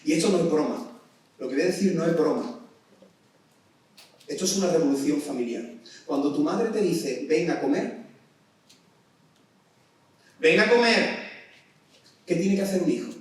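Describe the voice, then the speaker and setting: A man with a Spanish accent preaching to young people at a summer camp, animated, acting out parents' orders in a raised voice. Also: on the high side, moderate pace, pauses often. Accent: Spain. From Spain. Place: large hall at a summer camp. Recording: echoey hall, voice from far off.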